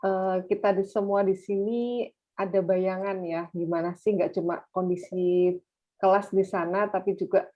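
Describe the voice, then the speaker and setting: A woman's voice: medium pitch, fairly even intonation, measured pace. A woman with an Indonesian accent moderating a webinar informally, dropping in English phrases. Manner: mixes English phrases into speech. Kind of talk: chatty, informal hosting. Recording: dull, lo-fi online call.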